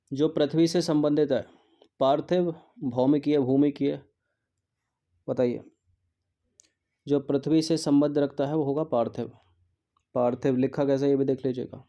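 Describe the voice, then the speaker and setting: A man's voice: on the high side, dark tone, dull audio. A male teacher going through exam practice questions, repeating words to drill their spelling and mixing in English terms.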